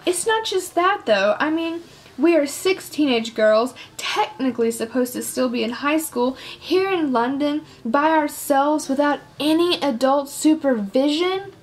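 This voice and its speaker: Fretful teenage singer girl, nervous bursts, bright high voice; a woman reads her. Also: close to an everyday voice. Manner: fretful, speaks in quick bursts.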